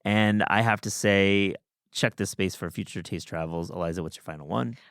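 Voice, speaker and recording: A man's voice: low-pitched, moderate pace, creaky, fairly bright tone, clean tone, no echo, studio quality. A man hosting a podcast, talking in an enthusiastic, chatty way with many restarts. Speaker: podcast host. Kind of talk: casual chat.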